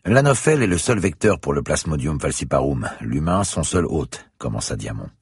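Guy doing a stiff science prof lecturing, husky voice, bit higher than his own, bouncy pitch. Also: big pitch swings, normal speed, dry recording, studio quality, full character voice. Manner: lecturing, precise. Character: grave, pedantic male parasitology professor.

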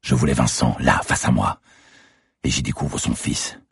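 A cold young masked killer taunts his captive in a very deep, gravelly, husky voice, as a male audiobook reader puts him on. He speaks slowly and deliberately, sneering at every word, and the recording is close and dry. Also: little pitch movement, no room sound, exaggerated voice. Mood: menacing.

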